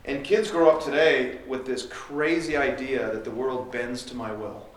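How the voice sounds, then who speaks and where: A man's voice: mid-range voice, steady tone, moderate pace, distant mic, a little hiss or hum. Earnest male pastor preaching in an echoey room. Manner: direct and earnest, acts out parents and kids. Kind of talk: sermon.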